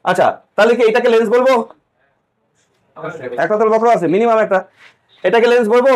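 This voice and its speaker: High-voiced man teaching a class. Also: a little fast. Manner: questioning, repeats key points to students. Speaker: physics teacher. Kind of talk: classroom lecture.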